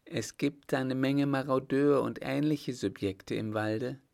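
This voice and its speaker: A man's voice: medium pitch, fairly even intonation, takes it slowly, creaky, a little mellow, voice pushed up. A man voicing a frightened village mayor in an audiobook, answering hesitantly and stammering. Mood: fearful, submissive. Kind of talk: audiobook character voice.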